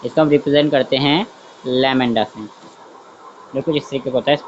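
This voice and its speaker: Here a male science teacher with a medium-pitched, steady voice speaks at a moderate pace; the audio is dull with slight background noise. His online lesson is chatty, full of repeated "theek hai" and thinking aloud as he draws. He catches his own mistakes and asks students whether they understand.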